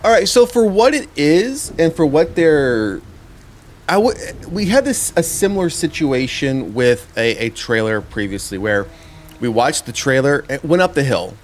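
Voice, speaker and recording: The host of a horror trailer review show gives a casual spoken review in a fairly high, very animated voice, speaking unhurriedly. He rambles and often repeats words while working out his thoughts, with slight background noise in the recording.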